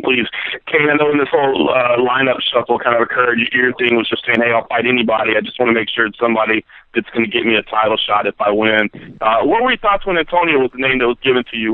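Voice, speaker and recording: Very fast-talking male reporter on the phone. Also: medium pitch, no room sound. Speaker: sports reporter asking questions. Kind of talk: press conference questioning. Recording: narrow telephone line.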